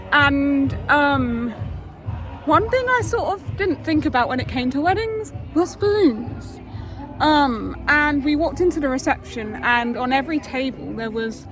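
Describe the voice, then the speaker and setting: A young woman vlogging casually about facing her fear, chatty and self-encouraging with many ums. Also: high voice. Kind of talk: casual personal vlog. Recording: roomy reverb with faint music behind.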